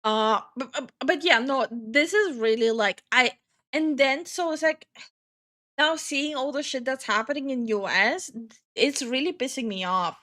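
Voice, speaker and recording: Speaking a bit slowly in a high, pushed, bright voice, a female streamer from Estonia runs a casual live stream on her channel. She rants with heat, curses a lot and says hello to people in chat.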